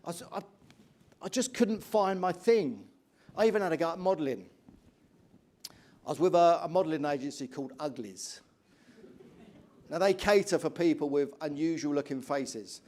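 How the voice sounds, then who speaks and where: An English man in middle age delivers a motivational keynote, his fairly high voice driving energetic stories. He keeps turning to the audience with direct questions. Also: moderate pace, long pauses. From England. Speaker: motivational speaker.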